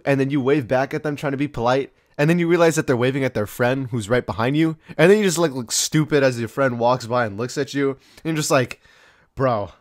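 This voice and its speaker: A man's voice: mid-range voice, no room sound, studio quality. A young man hosting a casual countdown video, rambling in slang with many fillers and acting out quoted voices. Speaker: video host.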